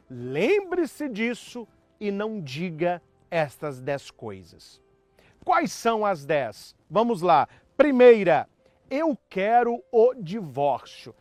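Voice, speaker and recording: Animated priest giving advice. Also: male voice, high voice, dry recording. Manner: emphatic, teacherly, animated. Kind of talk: motivational talk on marriage.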